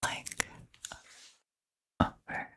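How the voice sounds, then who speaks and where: A woman whispering softly and breathily into a close ear-to-ear microphone in a chatty ASMR style, in short, halting phrases. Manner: slow, halting, short phrases with long pauses. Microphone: close ear-to-ear stereo ASMR microphone.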